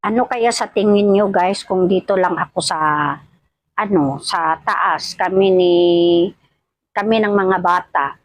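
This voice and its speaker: A Filipino woman with missing front teeth chatting casually to her vlog viewers, halting and often repeating her words. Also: medium pitch, no echo, poor audio. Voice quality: speech of someone with missing front teeth, wearing old dentures. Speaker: vlogger. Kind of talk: casual rambling vlog chat addressed to viewers.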